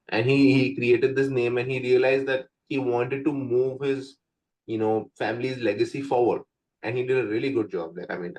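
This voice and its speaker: A young Indian man, a native Hindi speaker with an Indian accent, chats casually as an English coach in an interview, peppering his talk with "like" and "right?" His voice sits at medium pitch with a darkish tone, and the recording is rough.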